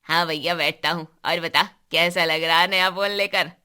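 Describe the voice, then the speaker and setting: Mocking show-off teen boy in a cartoon, voiced by a woman, loud. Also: lowish voice, steady tone, normal speed, smooth. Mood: excited. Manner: loud, teasing.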